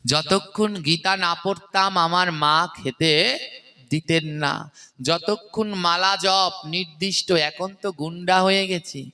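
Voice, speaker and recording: Male devotional preacher, Bengali accent, unhurried and emphatic, bright tone. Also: sits high, fairly even intonation. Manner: teaching, emphatic, chanting verses slowly. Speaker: kirtan preacher. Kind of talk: devotional sermon.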